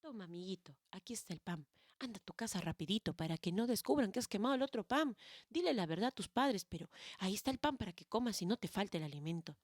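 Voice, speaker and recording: A woman's voice: mid-range voice, expressive, quick pace, no echo, studio quality, lightly acted. A Peruvian woman voicing a restless, kind little boy who coaxes and pleads. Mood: coaxing. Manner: coaxing, pleading.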